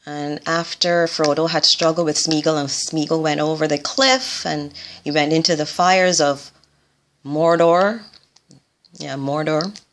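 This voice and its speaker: A woman's voice: low-pitched, vocal fry. A woman in her forties, a doctor encouraging foreign medical graduates in an earnest motivational vlog, often repeating her phrases for emphasis.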